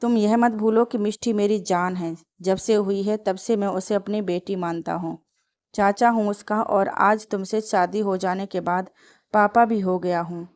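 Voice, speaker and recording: A woman's voice: medium pitch, steady tone, a little slow, lightly acted. A woman voicing a young man who is an angry, protective husband and uncle in a storybook tale. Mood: stern, angry.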